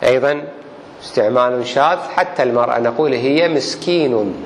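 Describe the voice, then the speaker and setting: A man teaching a grammar class as a religious teacher, explaining slowly and deliberately with examples. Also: mid-range voice. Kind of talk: classroom lesson on Arabic grammar. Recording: reverberant hall, faint background noise.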